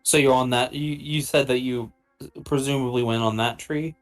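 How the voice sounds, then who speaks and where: A man with a medium-pitched voice chats as a tabletop game player. His talk is casual and conversational, with faint music behind it. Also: fairly even intonation, moderate pace.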